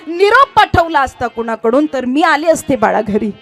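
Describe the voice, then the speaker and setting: Woman doing a worried old mother, high voice, pleading, soft music behind. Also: very animated, moderate pace, exaggerated voice. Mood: anxious. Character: loving old farm mother, anxious and tender.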